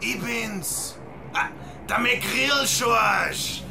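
An actress playing a brash, pushy old acquaintance from the fairground, hectoring in a loud drawn-out way in a drama. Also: female voice, on the high side, lively intonation, vocal fry, noisy background, heavily acted. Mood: boisterous, taunting. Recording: loud guitar music behind.

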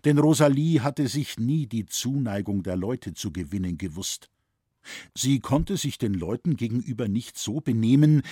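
A man narrating a novel as an audiobook in a measured, solemn way. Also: mid-range voice, warm tone, breathy edge, dry recording, clean studio sound. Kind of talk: scripted narration.

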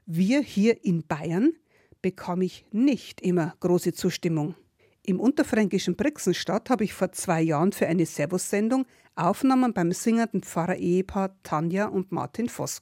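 A woman radio host presenting a programme and interviewing guests with a clear, friendly delivery. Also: medium pitch, warm tone, no room sound, studio quality.

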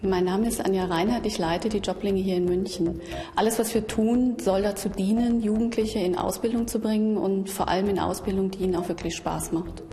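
A woman who directs a youth program, speaking clearly and with purpose. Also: medium pitch, fairly even intonation, fairly quick, over music. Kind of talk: interview statement.

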